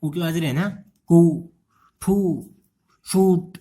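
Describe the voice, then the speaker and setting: Mellow-voiced Indian man teaching. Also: fairly high pitch, normal speed. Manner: repetitive, quizzing students rhetorically. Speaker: English teacher. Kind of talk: exam-prep lecture.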